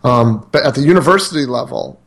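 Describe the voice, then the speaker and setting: A podcast co-host from central Connecticut, USA, chats casually with guests, tossing out friendly, joking follow-up questions. His medium-pitched voice is animated and brisk, somewhat creaky, with a fairly bright tone.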